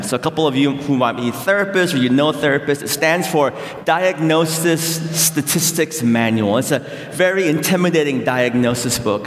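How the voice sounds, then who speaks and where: A middle-aged man, born in South Korea, delivers a conversational sermon full of gentle self-deprecating jokes and thoughtful pauses. His voice rings through a big hall with a long, lingering echo. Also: medium pitch. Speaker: pastor. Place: large hall. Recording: echoey hall with long reverb.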